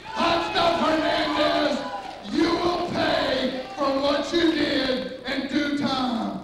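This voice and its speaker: Guy doing a slow menacing wrestling promo, grand wording, way high voice, noisy echoey hall. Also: steady tone, crowd noise. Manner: drawn-out, menacing, grandiose declamation. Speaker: wrestling manager cutting a promo. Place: indoor wrestling arena ring. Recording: echoey arena, distant mic, noisy.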